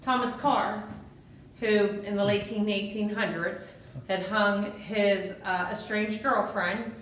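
A woman gives an informal guided tour as a museum guide, explaining exhibits piece by piece with some hesitation. Her voice has an ordinary middle pitch. The room echoes heavily, with faint background noise. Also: steady tone, slow pace, fairly bright tone. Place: indoor museum rooms. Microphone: handheld camera, off-screen speaker.

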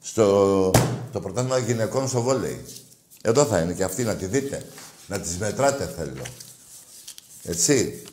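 A man hosting a call-in show, taunting rival fans with loud, crude, mocking banter. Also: lowish voice, lively intonation, long pauses, echoey room, a little hiss or hum. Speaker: radio show host taking calls.

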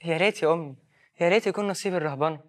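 Brief: male actor, young Egyptian graduate, earnest, affectionate, rapid delivery. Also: a little high, lightly acted. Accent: Egyptian Arabic. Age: young adult. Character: earnest, devout young man just graduated. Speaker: son, new graduate.

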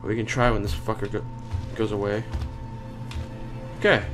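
A man's voice: fairly low pitch, flat delivery, moderate pace, over music. A scared, sweary man giving live commentary as he plays a horror game, muttering and exclaiming. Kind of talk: horror let's play commentary, reacting live while playing.

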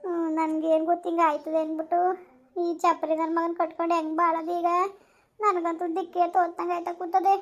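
A woman voices a humble, widowed village mother in a rustic comedy skit, pleading through tears. Her voice is high and quick, and she keeps begging. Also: level tone, highs cut off. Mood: lamenting.

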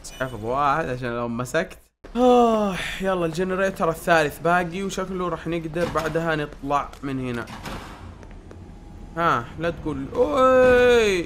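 A man giving excited commentary on a horror game, shouting, jumpy and mixing in English words. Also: fairly high pitch, moderate pace, a little hiss or hum. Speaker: gaming YouTuber playing a horror game. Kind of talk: excited let's-play commentary.

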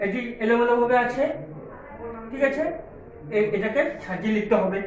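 High-voiced Bengali teacher spelling words aloud. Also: male voice, normal speed, dull audio. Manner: spells words out letter by letter and asks "ঠিক আছে?" after each. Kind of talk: slow, drilled English lesson for small children. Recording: echoey room, far from the mic, noisy crowd behind.

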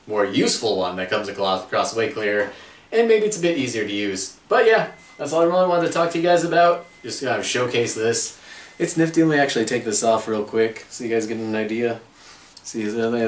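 A middle-aged man giving a casual, jokey gear review to camera in a chatty, informal way. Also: medium pitch. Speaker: host of an airsoft gear channel. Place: small furnished room at home, indoors. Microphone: camera a few steps away. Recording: roomy echo, distant camera mic.

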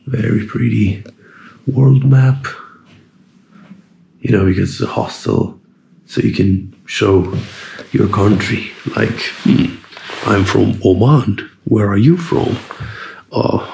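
A man in his thirties talks through a casual travel vlog in a low, gravelly voice, taking his time. He is relaxed and chatty, throwing in wry asides about himself. A faint hum of room and street sound sits under the handheld camera mic. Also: takes it slowly, pauses often. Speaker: travel vlogger. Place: indoors in a hostel, then outdoors in snowy streets and on a bus.

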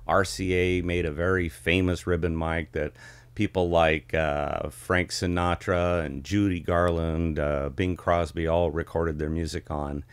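A middle-aged man chatting casually as a vlog host, with the warm, rich sound of a vintage ribbon mic in a home studio. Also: low voice, level tone, unhurried, clean tone, no echo. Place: small home studio with curtain backdrop. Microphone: studio ribbon microphone close in front.

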